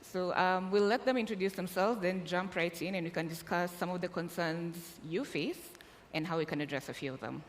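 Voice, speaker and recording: Friendly and joking with the audience, a woman from Kenya moderates a live panel in a large conference hall. Her voice is fairly low and a little fast, captured with long hall reverb and faint room noise.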